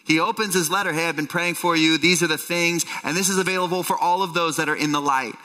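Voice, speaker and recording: A man's voice: a little high, steady tone, fast, bright, forceful tone. A man preaching a sermon as pastor at a pulpit microphone, teaching earnestly and quoting scripture. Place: church sanctuary with long reverb. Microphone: speaking at a pulpit microphone. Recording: long hall reverb, faint music.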